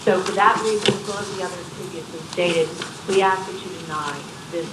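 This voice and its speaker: A woman's voice: on the low side, fairly even intonation, brisk. Woman calling in over speakerphone. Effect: heard over a phone on speakerphone, played through the meeting room. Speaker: phone-in caller at a public meeting. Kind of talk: formal public comment. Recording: echoey phone-speaker call with loud background noise.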